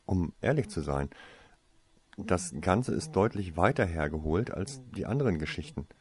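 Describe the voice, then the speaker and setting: A man reading a fantasy story aloud, with expressive storytelling. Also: low voice, normal speed. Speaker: reader.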